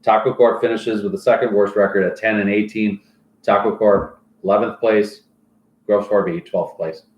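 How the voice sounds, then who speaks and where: A man's voice: lowish voice, steady tone, normal speed, highs cut off. A man acting as a fantasy football league commissioner, reading stats and mock sponsor plugs in casual banter. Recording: roomy echoey room.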